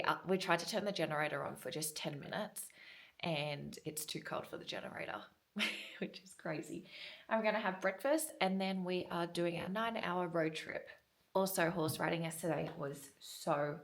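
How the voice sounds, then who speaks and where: Young woman, casual travel vlog, chatty, laughing, very expressive pitch, phone recording. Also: gravelly. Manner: chatty, bubbly, laughs often. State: out of breath from altitude. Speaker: travel vlogger. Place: outdoors on a mountain horse trek, then indoors.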